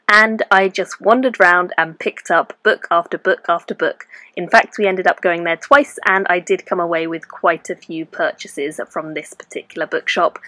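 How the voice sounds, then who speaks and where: A young woman hosts a casual book vlog, rambling chattily and enthusiastically. Her voice sits slightly low for a woman. The delivery is loose and conversational. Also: a bit bright. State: tipsy. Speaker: book vlogger. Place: indoors at night.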